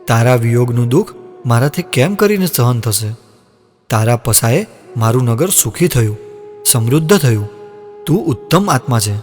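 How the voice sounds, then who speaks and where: A man's voice: mid-range voice, lively intonation, moderate pace, a little mellow, natural voice. An actor playing a dignified older king who speaks with sorrow about parting with his daughter. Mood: sorrowful. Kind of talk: devotional audio drama. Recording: long reverb, music underneath.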